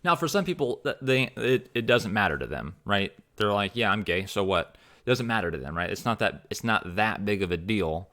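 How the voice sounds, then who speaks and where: A man's voice: on the low side, lively intonation, a little fast, few pauses, fairly bright tone. A man streaming live, talking over a video in a loose, rambling way, often repeating words and asking "right?". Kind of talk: casual live-stream commentary.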